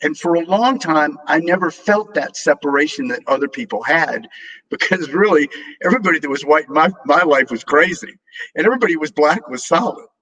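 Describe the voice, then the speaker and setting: Earnest older man with a bright, forceful voice. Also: on the high side, animated, a little fast, poor audio. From New Orleans, USA. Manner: earnest, repeats words, uses homely metaphors. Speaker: guest speaker. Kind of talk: inspirational talk on a live video call.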